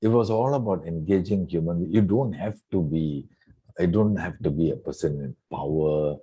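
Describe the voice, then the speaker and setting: A man in his sixties from Singapore, a retired coach reflecting in an interview with many soft fillers. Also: deep voice, moderate pace, husky. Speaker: guest coach. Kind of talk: relaxed interview conversation.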